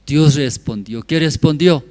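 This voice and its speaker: A man's voice: a little high, a little slow, a little mellow. A man preaching a sermon as pastor, telling a story in simple, broken phrases and often checking with the congregation through short tag questions like a teacher. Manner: storytelling of a hospital visit.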